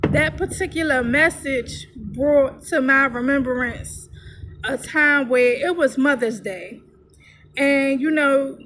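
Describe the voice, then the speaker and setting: A woman in her thirties telling a personal story to camera in a candid, conversational way, with many "you know" fillers. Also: a bit bright. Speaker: vlogger. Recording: noisy with vehicle rumble.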